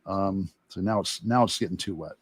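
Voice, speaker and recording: Low and husky, a man's voice carries at normal speed on a dry recording. He is an illustrator thinking aloud while he works, giving a casual, loosely structured demonstration full of broken asides.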